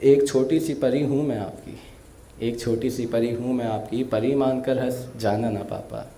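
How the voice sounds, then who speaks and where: Guy doing an emotional poem live, slow and heartfelt, repeats lines, echoey room. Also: mid-range voice, steady tone, warm tone, a little hiss or hum. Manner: slow, heartfelt, repeats verses with rising emphasis. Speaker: poet. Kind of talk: emotional poetry recitation.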